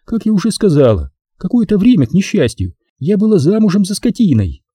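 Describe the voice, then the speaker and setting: A man's voice: high voice, huge pitch swings, a little fast, dark tone, slightly rough, no echo, studio quality, voice pushed up, heavily acted. A man voicing a cooing, imperious film starlet. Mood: coaxing sweet. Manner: sweetly cooing, commanding. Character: glamorous female film star, coy and imperious.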